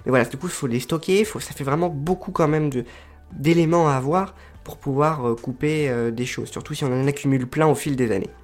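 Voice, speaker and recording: A man explaining crafting tools casually to his viewers, hesitant and pausing often to search for words. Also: medium pitch, darkish tone, soft background music. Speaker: crafting video creator. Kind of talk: casual explanatory talk to camera.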